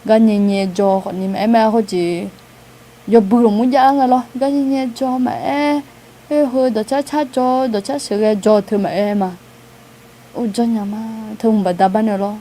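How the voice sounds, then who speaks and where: A woman's voice: fairly high pitch, steady tone, moderate pace, warm tone. A woman giving an informal, conversational outreach talk to a group, with frequent hesitation sounds and light laughter. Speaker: outreach speaker.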